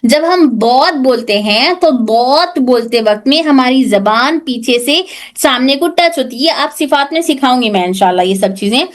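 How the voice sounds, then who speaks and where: Brief: female tajweed teacher, high voice, patient drilling of sounds. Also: lively intonation. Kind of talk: online class lesson.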